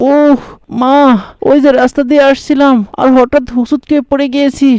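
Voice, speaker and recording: A woman's voice: high-pitched, flat delivery, normal speed, dark tone, no room sound, clean studio sound, natural voice. A woman with a Bengali accent voicing a teenage boy in a cartoon, pleading, whiny and prone to sulky outbursts. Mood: feigning pain.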